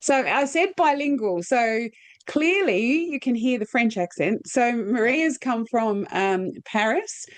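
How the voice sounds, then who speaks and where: A woman's voice: a little high, animated, a little slow, no room sound. A middle-aged woman from Australia hosting an interview in a casual, chatty, rambling way. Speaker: podcast host.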